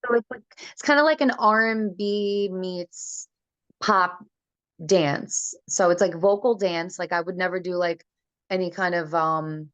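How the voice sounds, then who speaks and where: A woman's voice: lowish voice, a little slow, a bit bright, dry recording. A woman singer talking casually and chattily in a remote interview, heard over a conference call whose audio breaks up. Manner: chatty, loose, many fillers. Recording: dull lo-fi call audio, dry.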